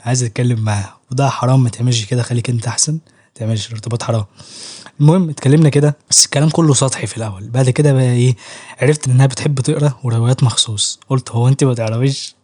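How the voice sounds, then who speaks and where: Racing along in a mid-range, darkish voice, this young Egyptian-accented YouTuber gives writing advice in a relaxed chat to camera. Street-slang jokes and frequent laughter run through what he says.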